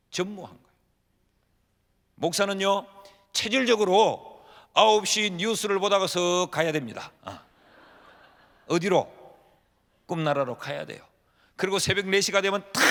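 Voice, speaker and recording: Higher-voiced pastor in a reverberant church. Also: male voice, creaky, fairly bright tone. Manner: humorous storytelling, acting out prayers in dialogue. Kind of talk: sermon. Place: church sanctuary. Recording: long reverb of a church hall.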